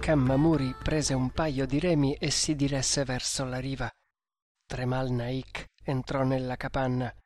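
A man reading an adventure novel aloud in measured storytelling narration. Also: medium pitch, no echo, clean studio sound. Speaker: audiobook narrator. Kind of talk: scripted narration.

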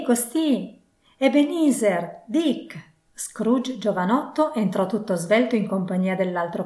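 A woman narrates a classic novel with an expressive storytelling cadence. Her voice sits at a middle pitch. The recording has a roomy echo. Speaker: audiobook narrator.

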